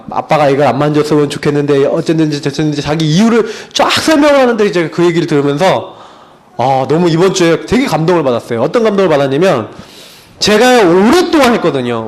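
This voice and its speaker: A middle-aged male pastor preaching a sermon in a conversational way, telling family stories and asking rhetorical questions. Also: fairly high pitch.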